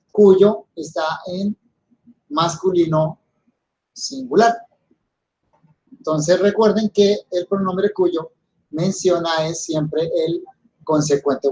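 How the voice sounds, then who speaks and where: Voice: mid-range voice, darkish tone, low-quality recording. A teacher with a Colombian accent giving a recorded grammar lesson, explaining step by step and addressing the students.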